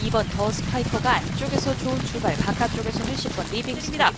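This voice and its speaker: A woman calling a horse race, rattling off numbers and names in quick play-by-play. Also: fairly high pitch, heavy background noise. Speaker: race caller.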